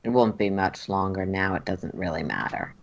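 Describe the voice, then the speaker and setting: A woman voicing a menacing, scornful female spellcaster speaking psychically in a tabletop game, slow and contemptuous. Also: rumbling low, highs cut off, slight background noise, pitched below the performer's own voice. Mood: scornful menace.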